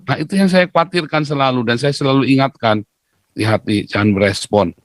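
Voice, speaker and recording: Brief: man, mid-pitched, emphatic and lecturing, close dry mic, talk-show guest. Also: brisk, no echo.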